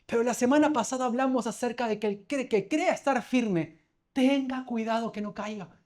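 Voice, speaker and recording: A man's voice: very high voice, moderate pace, a little mellow. A man preaching a sermon as pastor, talking conversationally, telling stories and asking the congregation questions.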